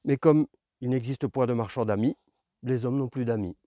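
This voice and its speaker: A man's voice: medium pitch, mellow, no echo, lightly acted. A man voicing a lonely, patient fox who talks earnestly and pleads for friendship. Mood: pleading. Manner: earnest, pleading, explains slowly.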